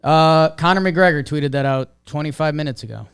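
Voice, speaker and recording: Laid-back man, smooth voice. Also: on the high side, a little fast, a bit bright, no room sound, studio quality. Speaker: podcast co-host. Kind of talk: casual sports chat.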